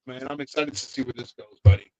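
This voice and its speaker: Co-hosting a casual wrestling podcast, a man thinks aloud, trailing off and restarting his sentences. His voice is medium-pitched and level in tone, and he talks fast over crowd noise on poor audio.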